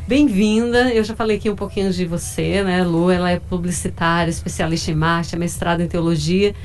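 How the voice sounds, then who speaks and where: A woman hosting a live radio interview in a studio, friendly and quick to affirm her guest. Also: fairly low pitch, fairly even intonation, slight background noise. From northeastern Brazil. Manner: friendly, frequent affirming backchannels. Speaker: radio host.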